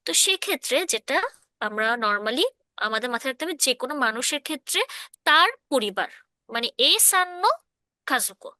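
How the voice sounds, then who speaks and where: A woman's voice: high-pitched, animated, normal speed, bright, forceful tone, dry recording, studio quality. A woman teaching a casual online class, explaining patiently and often checking that students follow. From Bangladesh. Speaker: Japanese language teacher.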